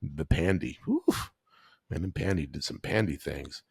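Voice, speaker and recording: A man's voice: very deep voice, animated, normal speed, vocal fry, darkish tone, husky, no room sound, clean studio sound. A man in his forties chatting casually as a podcast guest, slangy and laughing often as he tells stories. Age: 40s. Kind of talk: casual storytelling chat.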